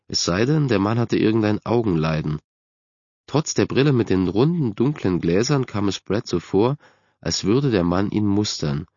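A man calmly narrating a spooky youth novel in a measured way, as an audiobook narrator in a dull, dry booth recording. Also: sits low, no room sound. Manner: calm, measured storytelling.

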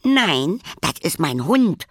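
A man reading a children's story aloud and voicing a small, playful little sister who play-acts in a high, dramatic voice. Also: animated, slow pace, dry recording, studio quality, full character voice.

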